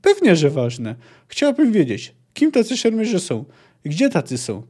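A man's voice: huge pitch swings, normal speed, a little mellow, husky, exaggerated voice. A man reading a book aloud and voicing a curious, stubborn young girl who is learning the sword. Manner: reading a book's dialogue aloud, raised pitch for the girl.

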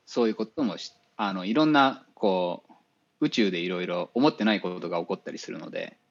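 A man, an engineer guest in a casual interview, explaining things step by step with many fillers and pauses. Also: low voice. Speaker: spacecraft navigation engineer. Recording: dull lo-fi audio.

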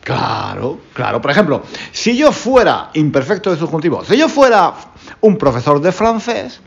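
A man's voice: a little high, big pitch swings, normal speed, creaky, slightly rough, highs cut off. A man from Spain with a Spain Spanish accent, a Spanish teacher hosting a casual podcast lesson at home, chatty and repeating his phrases. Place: home room with windows.

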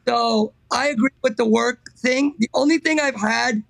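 A middle-aged man with a hoarse, raspy, strained voice, talking casually and emphatically as an interview guest. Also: extremely high pitch, moderate pace, fairly bright tone, dry recording, low-quality recording. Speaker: interview guest, car builder.

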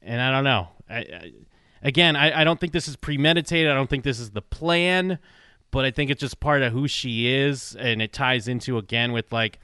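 A man with a smooth, crisp and bright voice, recorded dry and close. He talks loosely and haltingly in casual podcast chat, full of fillers, restarts and the odd curse. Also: mid-range voice, dry recording. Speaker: podcast co-host.

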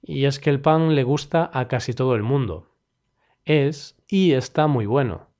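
A man from Spain with a Spanish accent, hosting a daily podcast that teaches Spanish expressions, with clear, measured delivery and a light touch of humor. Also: mid-range voice, darkish tone. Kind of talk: scripted explanatory podcast lesson.

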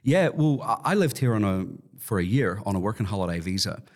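A man with a distinctly low voice and an Irish accent talks as a guest in a conversational interview. He thinks aloud in a reflective way, repeating words as he works towards his point. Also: expressive, brisk. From Ireland. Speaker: podcast guest, ministry worker.

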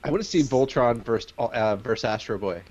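A man's voice: medium pitch, fairly quick, dull audio. A man co-hosting a podcast, chatting casually and joking, heard over a video call. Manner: joking, animated storyteller. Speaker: podcast co-host. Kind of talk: casual chat.

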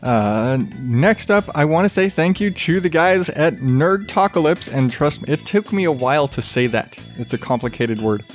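Hosting his own solo podcast, a man chats casually and rambles freely, swearing as he goes. His soothing, even voice is fairly high-pitched, at normal speed with few pauses, and faint music plays quietly beneath.

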